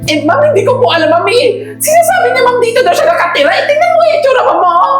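Woman doing a loud bossy house maid, squeaky high and all over the place, heavy echo, music blasting behind. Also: sing-song, quick pace. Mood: mocking. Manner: shrill, scolding, mocking laughter. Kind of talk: low-budget web drama acting. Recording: very echoey room with loud music.

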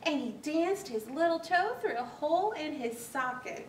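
Reading a rhyming picture book at storytime, a librarian speaks slowly in a highish voice with animated, deliberate rhythm. The setting is a small library's indoor children's corner, and the distant camera mic a few metres away leaves the sound echoey with a faint hiss.

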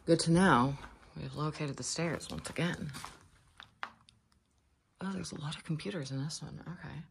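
A woman's voice: low-pitched, normal speed, gravelly. A young woman, chatting to viewers in a casual, joking way as she wades through a flooded basement. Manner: chatty, joking, talks to viewers while wading through sludge. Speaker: urban explorer vlogger. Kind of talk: casual vlog narration while exploring. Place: flooded abandoned basement, indoors. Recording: noisy handheld camera audio.

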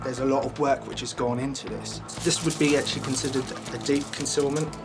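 A man's voice: medium pitch, steady tone, a little fast. A man in his thirties, a border officer, explaining plainly in an airport office. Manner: plain, matter-of-fact explaining. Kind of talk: interview and on-the-job speech. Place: airport customs office, indoors. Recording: music mixed in behind.

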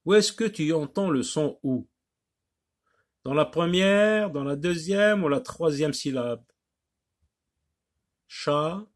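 A man's voice: fairly high pitch, expressive, a little slow. A man teaching a phonics lesson to young children, patiently repeating and stretching out each word.

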